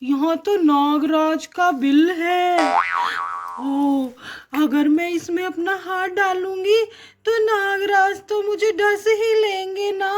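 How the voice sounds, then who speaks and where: A very high, slow, whiny little schoolgirl, as a woman puts her on, fretting over her homework in a storybook doll show. She drags her words out slowly. Faint music plays behind. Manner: whiny, tearful. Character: fretful schoolgirl doing homework.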